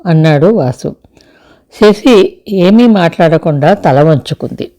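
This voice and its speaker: A woman in her seventies from India, calmly reading an audio story aloud. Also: on the low side, takes it slowly. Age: 70s.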